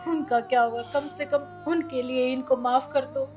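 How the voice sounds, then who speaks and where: A woman playing a soft-spoken older grandmother in a family drama, gently pleading for mercy for her children. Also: high voice, fairly even intonation, moderate pace, natural voice. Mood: conciliating. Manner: soft, conciliating. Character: gentle older mother-in-law, peacemaker. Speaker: mother-in-law.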